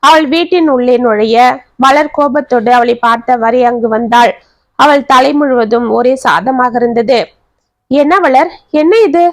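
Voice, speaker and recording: Woman storyteller, high voice, dry close recording, steady expressive reading. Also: normal speed, dry recording. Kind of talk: scripted story narration.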